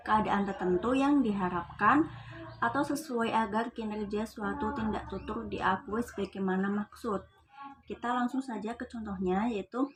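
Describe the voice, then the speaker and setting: A woman's voice: mid-range voice, slight background noise, rough recording. Young woman presenting a class topic. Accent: Indonesian. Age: young adult. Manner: reads English definitions, then explains them casually. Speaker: student presenter.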